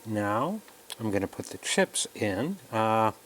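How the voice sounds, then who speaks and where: This electronics kit tutorial host has a fairly low, fairly bright voice with a sing-song lilt and a slow delivery. A little hiss or hum sits under the audio as he talks through each step in a plain, casual, explanatory way while working.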